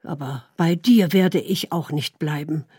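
A woman's voice: deep voice, measured pace, mellow, husky, no echo, studio quality. A woman voicing a deceived young wife who heaps accusing, pleading questions on her husband. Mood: defiant.

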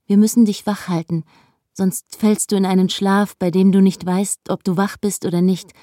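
A woman reading the lines of an anxious middle-aged mother who talks in a flat, controlled, reassuring way. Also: medium pitch, normal speed, no echo, clean studio sound, close to an everyday voice. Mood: coaxing.

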